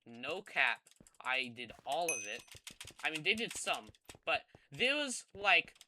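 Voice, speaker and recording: A man's voice: fairly high pitch, big pitch swings, slow, slight background noise. A man telling a casual gaming story, rambling and hesitant with many ums and repeated words. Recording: loud keyboard typing and clicks behind.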